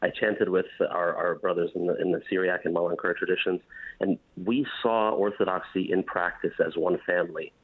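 Deep husky man calling in. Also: brisk. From United States. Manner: earnest, steady, occasional fillers. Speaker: caller. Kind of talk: call-in show comment. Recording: tinny phone line.

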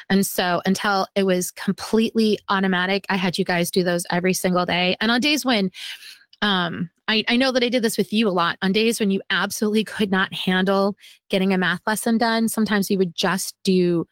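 A woman's voice: mid-range voice, a little fast, dry recording. A homeschooling mother in her forties chatting casually, talkative and self-deprecating, laughing at herself. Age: 40s. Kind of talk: casual podcast chat.

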